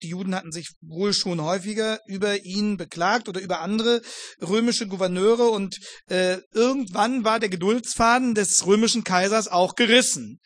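A man's voice: high voice, moderate pace, fairly bright tone, dry recording, clean studio sound. A man preaching a sermon on a Bible passage, asking rhetorical questions, repeating words as he goes, and addressing his listeners formally.

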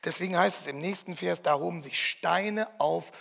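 A male preacher with a high, bright voice and a gravelly edge to it. He delivers his sermon dramatically, rising to loud, ringing calls and dropping to hushed endings. The sound carries the long reverb of a large church hall. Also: normal speed.

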